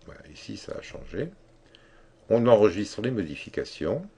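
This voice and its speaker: A man giving a screen-recorded software tutorial, explaining step by step in a halting way with many fillers and restarts. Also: on the low side, sing-song, gravelly, husky. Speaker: tutorial instructor.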